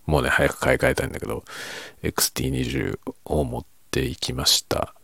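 A man hosting a quiet late-night solo chat, talking in a soft, unhurried, rambling way from his bedroom. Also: extremely low pitch, fairly even intonation, gravelly, no echo, studio quality. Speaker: podcast host.

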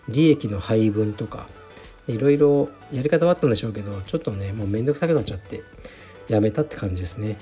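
A man from Fukuoka hosting his own podcast, answering listener letters in a relaxed, frank, offhand way, with many fillers. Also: medium pitch, slightly rough. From Fukuoka, Japan. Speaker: podcast host, jiu-jitsu gym founder. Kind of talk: casual solo talk answering listener letters.

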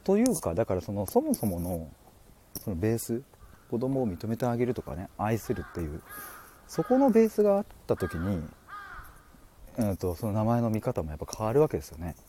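A man hosting a casual livestream, reading out listener comments and chatting in an animated way with frequent laughs. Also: a little hiss or hum. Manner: chatty and animated, laughing often, with quick pitch jumps. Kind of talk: casual solo livestream chat.

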